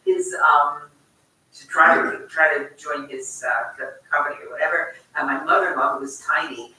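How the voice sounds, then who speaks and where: A woman's voice: low voice, normal speed, recorded from a distance. Older woman telling a story in an echoey room, heard from afar. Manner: animated, chatty, self-interrupting, laughs often. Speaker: congregant sharing a memory. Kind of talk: personal storytelling in a group discussion. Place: large community room at a congregation.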